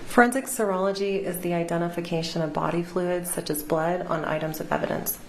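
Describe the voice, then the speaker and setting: A middle-aged woman gives measured, precise expert testimony from a witness stand microphone, heard in a courtroom recording. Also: lowish voice, steady tone. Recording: roomy courtroom sound with faint hiss.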